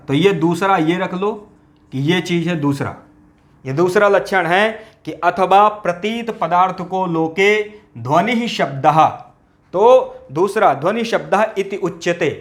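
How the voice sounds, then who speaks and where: A man with a fairly high voice gives a grammar lecture aimed at exam students. He says each key phrase again and again. He keeps checking understanding with rhetorical questions. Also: measured pace. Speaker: Sanskrit grammar teacher.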